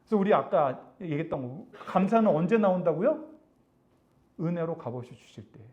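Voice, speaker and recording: A middle-aged man preaching to a youth group, his high voice leaping up and down as he teases and coaxes his listeners. The sound is dull and lo-fi, like an old church recording. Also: moderate pace. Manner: animated, acts out classmates' taunts, drops soft and low for God's comfort. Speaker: youth pastor. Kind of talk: sermon to teenagers. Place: church service hall.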